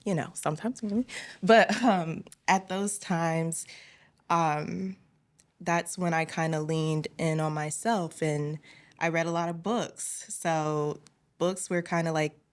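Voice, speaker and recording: Young woman, low voice, thoughtful, measured, candid conversation. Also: steady tone. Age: young adult. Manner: thoughtful, measured advice-giving. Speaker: college student guest.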